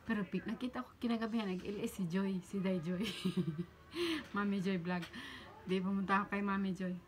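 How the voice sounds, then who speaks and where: A middle-aged woman chatting to her viewers with animated energy. She keeps breaking into laughs and puts on her friends' voices as she tells the story. There is a faint hum of background noise. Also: medium pitch, moderate pace. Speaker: vlogger. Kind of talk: casual storytelling.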